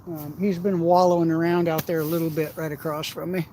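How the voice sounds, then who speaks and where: A man's voice: on the high side, flat delivery, fairly quick, dark tone, a little hiss or hum. A middle-aged man telling rambling, profane stories in a casual way while fishing outdoors. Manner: profane, rambling anecdotes with frequent laughs. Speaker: outdoors vlogger. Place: outdoors by the water.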